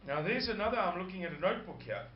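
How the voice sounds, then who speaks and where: A man with a croaky voice, hosting a rambling casual monologue and stopping to search for words. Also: sits high, animated, racing, a little hiss or hum. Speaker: host. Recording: dull lo-fi sound.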